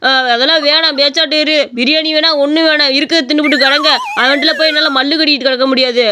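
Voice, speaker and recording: Bright fast-talking woman voicing cartoon villagers. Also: sits high, steady tone, noisy background. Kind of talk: cartoon voice acting, many village characters.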